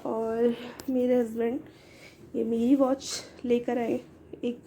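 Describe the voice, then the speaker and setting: Hoarse young woman with a cold. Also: on the high side, flat delivery, slow, warm tone, a little hiss or hum. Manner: chatty, explaining items one by one. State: hoarse with a cold, short of breath. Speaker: vlogger. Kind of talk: casual show-and-tell vlog.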